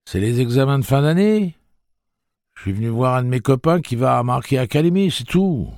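A man's voice: medium pitch, animated, fairly quick, darkish tone, no echo, studio quality, voice pushed up, natural voice. A man voicing a polite, weary young boy who speaks deferentially to his elders.

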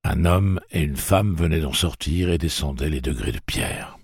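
A man reading a novel aloud as audiobook narrator, in a measured, even way. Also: very deep voice, creaky, slightly rough, dry recording, clean studio sound.

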